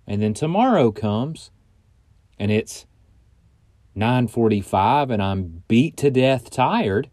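A man's voice: mid-range voice, lively intonation, slow, pauses often, darkish tone, no echo, studio quality. A man hosting his podcast from inside a bedroom closet, chatting loosely and joking in a casual, rambling way. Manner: loose, chatty and joking, with frequent fillers and mild swearing. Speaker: podcast host. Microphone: close studio mic, audio only.

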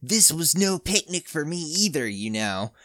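A man's voice: fairly high pitch, big pitch swings, unhurried, a bit bright, no echo, clean studio sound, pitched above the performer's own voice. A man voicing a whiny boy who pleads after being caught in trouble, in a comic read-aloud. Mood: pleading.

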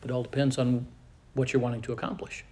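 A man's voice: medium pitch, little pitch movement, quick pace, darkish tone. An older man preaching a sermon, telling stories earnestly and building to fervent emphasis.

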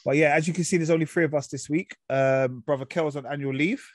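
A man's voice: a little high, steady tone, fast talker, no echo, studio quality. A man with an urban London roadman accent, hosting a podcast in casual, slangy chat. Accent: London, urban street. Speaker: podcast host.

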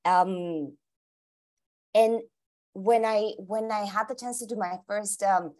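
Taking it slowly in a mid-range, slightly mellow voice, a Colombian guest who grew up speaking Spanish responds to an interviewer in English. She often restarts and repeats words while working out her thoughts aloud.

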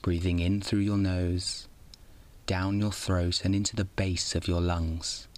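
A man narrating a bedtime guided meditation as host, like a sleep story narrator, in a calm, soothing, unhurried way. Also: low voice.

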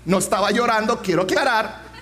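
Man preacher, 40s, very high voice, humorous storyteller. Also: brisk, pushed and bright. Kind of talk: sermon with personal story.

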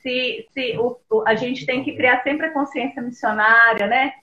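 A woman's voice: high voice, fairly even intonation, a little slow, sharp tone, roomy sound, muffled recording. A woman, a missionary mother, speaking earnestly about faith in a casual video call interview, with hesitant restarts.

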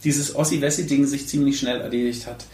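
A medium-pitched man hosting a podcast speaks fairly quickly with an animated, emphatic energy and a casual, blunt way of putting things. He is set back from the microphone in a room that echoes.

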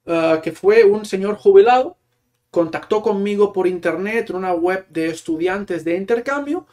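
Appearing as a guest in a relaxed interview, this Catalan-speaking Spanish teacher from Catalonia explains things at length, sprinkling in fillers. His voice is high and his pace moderate and easygoing.

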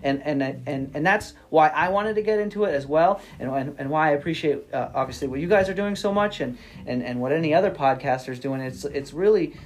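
A man's voice: fairly high pitch, fairly quick, few pauses. A man guesting on a podcast, talking in a rambling, casual way, full of restarts, repeated words and frequent "you know what I mean" tags. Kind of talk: casual interview chat.

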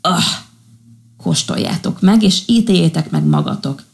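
A woman's voice: fairly low pitch, huge pitch swings, gravelly, a little mellow, heavily acted. A woman voicing an old great-grandmother sea creature who rallies the sea animals in a storybook. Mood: rousing. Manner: rousing, calling to a crowd.

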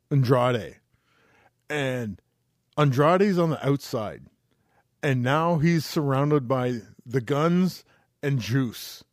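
Guy cohosting a podcast, medium voice, gets excited and cusses a lot, dry close mic. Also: mid-range voice, dry recording. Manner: excitable, swears freely, acts out quotes. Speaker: podcast co-host. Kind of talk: casual chat.

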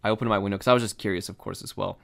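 A young man telling a story in casual chat, animated and swearing, full of fillers. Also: lowish voice, rapid-fire, creaky.

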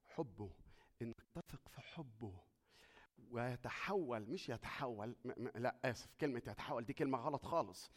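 A man with an Egyptian Arabic accent preaching a sermon. He swings between hushed, intimate talk and loud, fervent preaching, and asks and answers his own questions. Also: medium pitch, lively intonation, moderate pace.

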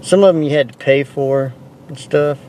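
A man co-hosting a casual podcast, reacting in a slow, laid-back way. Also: a little high, a little mellow, slight background noise. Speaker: podcast co-host. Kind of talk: casual chat.

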